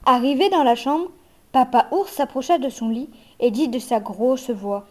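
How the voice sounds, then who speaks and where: A woman reads a children's fairy tale aloud. Her voice is high but mellow. She tells it gently and at a measured pace. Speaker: narrator. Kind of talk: reading a children's story aloud.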